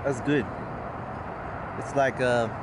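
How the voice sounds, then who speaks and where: A man casually commenting on food while chewing, talking slowly in short plain remarks. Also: medium pitch, steady tone. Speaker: food vlogger. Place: outdoors by a street. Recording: loud street noise behind.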